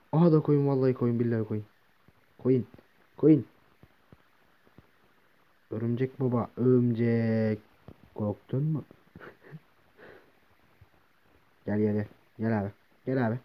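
A man's voice: medium pitch, highs cut off. A man giving casual let's play commentary, swearing and talking back to the monsters attacking him and chatting to his viewers. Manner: talks to the game mobs and to viewers as "gençler". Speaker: gaming video host.

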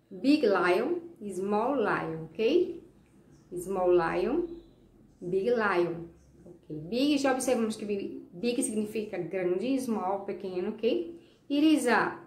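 A woman teaching English to children, a Portuguese speaker who explains slowly and patiently, repeating words and checking with "ok?". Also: medium pitch, darkish tone, reverberant. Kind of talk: recorded classroom lesson.

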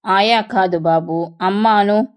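A woman's voice: mid-range voice, slow pace, clear, resonant tone, natural voice. A woman doing a meek, timid young wife. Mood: pleading. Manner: soft, pleading.

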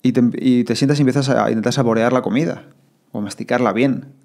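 Fast-talking Spanish man, casual podcast guest. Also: medium pitch, gravelly. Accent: Spain Spanish. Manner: fast, animated, acts out inner thoughts in quotes.

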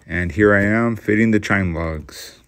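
Low-voiced man narrating his build. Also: unhurried. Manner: plain, matter-of-fact, self-deprecating. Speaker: hobby boat builder. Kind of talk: casual voice-over narration.

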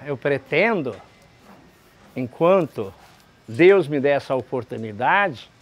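Halting Brazilian restaurant owner, lively pitch. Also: male voice. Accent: Brazilian Portuguese. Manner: halting, many restarts and fillers. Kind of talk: interview answers. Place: large ornate restaurant indoors. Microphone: camera close framing, seated.

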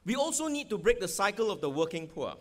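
A middle-aged political candidate with a Singaporean accent speaks forcefully into a podium mic at an outdoor stadium rally, his voice high for a man. He gestures, throws rhetorical questions at the crowd, and hammers his points home emphatically. His pace is quick and his pitch swings widely.

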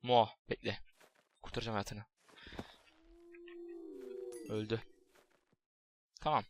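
A young man giving casual, jokey game commentary, excitable and swearing, chatting to his in-game pet. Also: fairly low pitch, takes it slowly, noisy background. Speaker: gaming YouTuber. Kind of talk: casual Minecraft let's play commentary.

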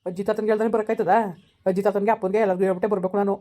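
A woman's voice: mid-range voice, little pitch movement, very fast, mellow, lightly acted. A woman playing a stern, resentful elder brother who bluntly scolds his sister but agrees to help, in an amateur village drama. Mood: scolding.

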